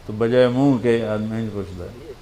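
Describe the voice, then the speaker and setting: Male preacher, echoey room. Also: fairly low pitch. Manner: emotional storytelling, swinging from loud to hushed. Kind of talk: sermon. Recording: roomy with faint background noise.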